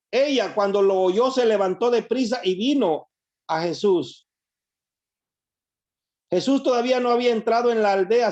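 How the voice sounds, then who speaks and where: A man's voice: high voice, darkish tone. A man preaching a sermon, reading scripture verses aloud and explaining them to his listeners. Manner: reads verses aloud and comments on them to the congregation. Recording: dull lo-fi recording.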